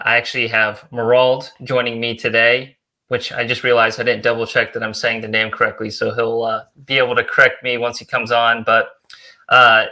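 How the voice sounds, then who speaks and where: A man's voice: lowish voice, pushed and bright. A male podcast host running a casual interview, laid-back and chatty, with lots of easy fillers. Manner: laid-back, friendly filler-heavy talk.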